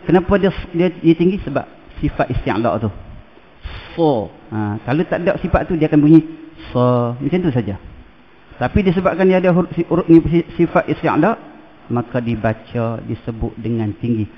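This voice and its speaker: Malaysian ustaz teaching Quran recitation, tinny sound. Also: male voice, a little high, lively intonation, brisk. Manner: demonstrates letter sounds, repeating syllables and chanting verses; fills speech with "ha", "nah", "gitu". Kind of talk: Quran pronunciation lesson. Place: mosque.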